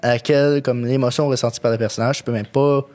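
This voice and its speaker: A man hosts a casual podcast interview. His voice is of middle pitch, and he asks long, winding questions and drifts into chatty anecdotes. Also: steady tone, fast talker, darkish tone. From Longueuil, Quebec. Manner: rambling, chatty storytelling. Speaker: podcast host.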